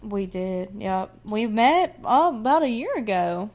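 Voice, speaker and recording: A woman in her twenties chats as a podcast co-host. She has an Appalachian Tennessee accent and a medium-pitched voice, and talks in a folksy, slangy, salty way. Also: expressive, unhurried, darkish tone. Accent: Southern US, Appalachian Tennessee. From Tennessee, United States. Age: 20s. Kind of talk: casual chat.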